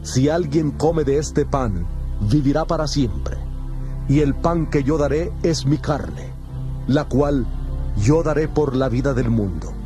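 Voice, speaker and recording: A man playing Jesus as a solemn teacher, speaking in a measured, declamatory way in a dramatized scripture reading, with music behind him. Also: mid-range voice, close to an everyday voice. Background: background music.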